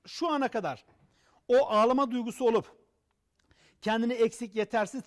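A man with a strikingly high voice delivers a coaching monologue in a TV studio. He acts out little scenes as he talks and keeps firing rhetorical questions at the viewers. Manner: animated, acts out examples with gestures. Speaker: personal development coach. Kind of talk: TV talk show monologue.

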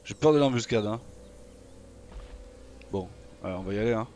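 A man giving live gameplay commentary on a survival game, excitable and taunting his opponents in casual slang. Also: lowish voice, normal speed, a little hiss or hum. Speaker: gamer playing a dinosaur survival game.

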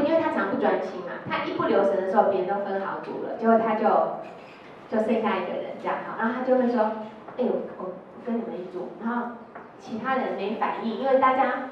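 A woman's voice: on the high side, a little hiss or hum. A middle-aged woman with a Taiwanese Mandarin accent, an educator telling stories in a workshop and acting out the quotes in them. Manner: storytelling, acting out quotes, tag particles. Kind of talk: lecture with told anecdotes. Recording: echoey hall, distant lo-fi sound.

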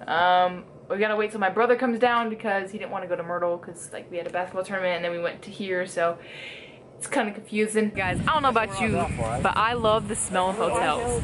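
With slight background noise behind her medium-pitched voice, the teen girl carries on her casual vlog chat, giggling as she films at arm's length in the resort hotel room and around the grounds.

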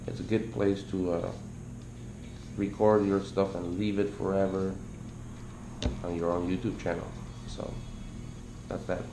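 A man's voice: low-pitched, unhurried, long pauses. A man in his thirties hosting a fishing channel, rambling through a casual tutorial at his kitchen table, recorded on a camera set on the table. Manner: rambling, relaxed, explains as he goes. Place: indoors at a kitchen table by a window. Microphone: camera on the table close to him. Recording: echoey room with background noise.

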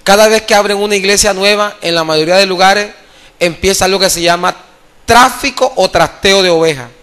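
This evangelist's voice is high-pitched and smooth, moving a little fast as he preaches passionately to a church convention. His volume rises and falls dramatically, and he urges the crowd to applaud.

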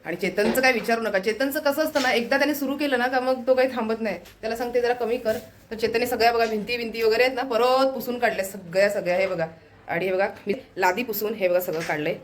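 Fast-talking woman vlogging at home. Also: on the high side, fairly even intonation, a little hiss or hum. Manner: chatty, addressing viewers directly. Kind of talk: casual home vlog narration.

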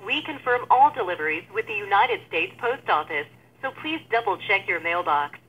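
A woman's voice: mid-range voice, moderate pace, breathy edge. A woman's voice on a recorded phone message, giving a formal, scripted account announcement. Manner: even, formal, scripted delivery. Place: heard through a phone on a vlogger's call. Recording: muffled phone line.

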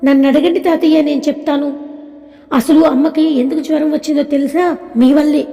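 A woman's voice: high-pitched, fairly even intonation, fairly quick, gravelly, warm tone, in a large hall, soft background music. A woman doing a tearful, chatty little girl. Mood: tearful pleading. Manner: sweet, pleading child talk.

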